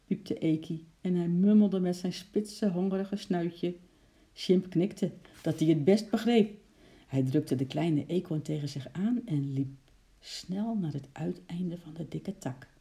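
A children's storyteller with a dark, mellow voice at a middle pitch. The reading is lively, with playful sound effects for the animals. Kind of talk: children's story read aloud.

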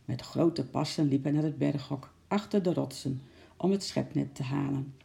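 A narrator reads a children's story aloud, keeping a steady storytelling pace at normal speed. The voice sits in the mid range and is gravelly and very dark.

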